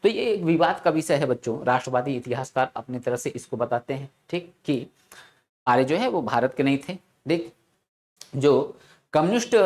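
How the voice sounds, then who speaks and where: A man's voice: medium pitch, a little mellow. Male teacher drilling answers by repetition. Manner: asks rhetorical questions, repeats answers, frequent "theek na". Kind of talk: classroom lecture.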